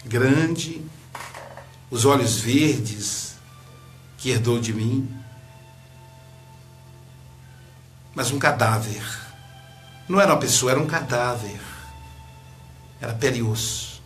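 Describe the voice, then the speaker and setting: Man doing remorseful brazilian dad, soft pleading voice, mid pitch, bit of music under. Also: unhurried, pauses often, natural voice. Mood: shaken. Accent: Brazilian Portuguese. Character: grieving middle-aged father, tender and remorseful.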